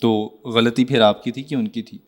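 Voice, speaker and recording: A man's voice: medium pitch, steady tone. Teasing Pakistani man hosting. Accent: Pakistani Urdu. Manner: teasing, probing questions. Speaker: interview host. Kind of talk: casual interview chat.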